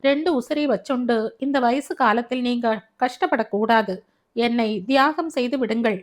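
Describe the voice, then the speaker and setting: Woman reading as a chill stubborn young guy, cool questioning tone, bit high. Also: moderate pace, natural voice. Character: calm, stubborn young man, dry and teasing.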